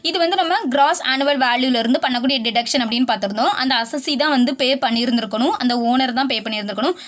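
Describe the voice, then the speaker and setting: A woman's voice: high-pitched, fairly bright tone. A woman tutor explaining tax rules in a video lesson, mixing English legal terms into her talk and restating each point in plain words. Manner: mixes English legal terms into Tamil, reads rule text slowly.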